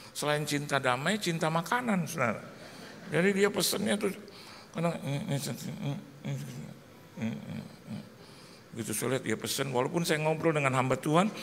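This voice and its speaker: A man's voice: fairly high pitch, gravelly, fairly bright tone. A man, a pastor, preaching a sermon and telling a comic story, acting out the other people in it with voices. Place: church hall. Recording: long echo of a large hall, faint noise.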